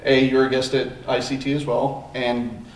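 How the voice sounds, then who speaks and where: A man's voice: mid-range voice, little pitch movement, normal speed. A man hosting a podcast in casual chat, rambling with plenty of ums and uhs. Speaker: podcast host. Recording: echoey room, distant mic, faint noise.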